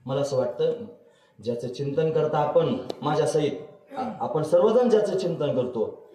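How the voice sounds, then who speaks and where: Preacher in an echoey hall. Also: male voice, a little high, lively intonation, normal speed, mellow, slight background noise. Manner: storytelling, asks the audience questions, chuckles. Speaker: kirtan preacher. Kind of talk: devotional kirtan sermon with anecdotes. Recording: echoey hall recorded from a distance, faint music.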